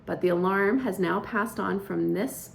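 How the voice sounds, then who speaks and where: A woman who is an outdoor educator, explaining a classroom skit in a lively, instructive way. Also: mid-range voice, measured pace, creaky, a little hiss or hum. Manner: lively, explanatory teacher talk. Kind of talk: instructional video for teachers.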